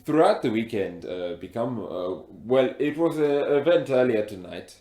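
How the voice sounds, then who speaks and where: A man putting on a very heavy African accent, talking haltingly with many fillers and restarts. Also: medium pitch, animated, mellow, roomy sound, lightly acted. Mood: playful. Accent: African (put on).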